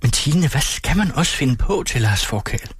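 A man reading a story aloud and voicing a warm-hearted mother hosting a Christmas evening, in a raised, gentle voice. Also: medium pitch, sing-song, breathy edge, dry recording, clean studio sound, pitched above the performer's own voice. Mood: fretting.

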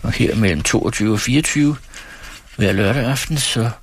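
A man reading a novel aloud on the radio in a measured, grave style, close to the studio mic. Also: medium pitch, slightly rough, no echo.

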